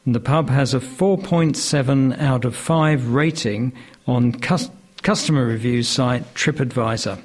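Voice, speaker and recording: A man's voice: mid-range voice, measured pace, husky. Hesitant man reading news. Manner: hesitant, many filler sounds. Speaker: news reader.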